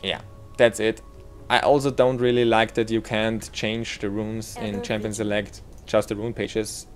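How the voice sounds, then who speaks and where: A man with a low voice and an Austrian German accent talks through a game tutorial at a relaxed clip. He thinks aloud and corrects himself as he goes, with faint game music under his voice. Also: measured pace. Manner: rambling, self-correcting, approximate with numbers. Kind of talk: casual screen-recorded game tutorial.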